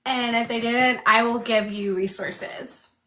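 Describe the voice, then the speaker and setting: A woman hosting a casual livestream chat, signing while speaking, so her phrases come out halting and broken up. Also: fairly high pitch, fairly even intonation, fairly bright tone, slight background noise. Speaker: book club host and ASL voice interpreter. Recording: echoey room.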